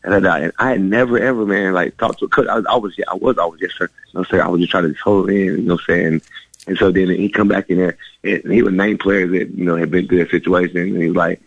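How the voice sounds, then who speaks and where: A man's voice: deep voice, fast, creaky, no echo, dull audio. A man, a former player, telling long stories in a radio interview with lots of restarts. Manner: rambling, animated, many restarts. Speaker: former college basketball player, guest.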